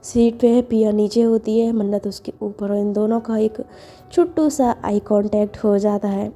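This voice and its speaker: A woman's voice: mid-range voice, steady tone, moderate pace, dark tone. A woman telling a story in a casual, chatty way, with filler words along the way.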